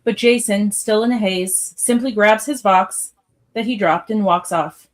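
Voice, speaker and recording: A woman's voice: mid-range voice, measured pace. A woman narrating a radio theatre piece, reading scripted stage directions.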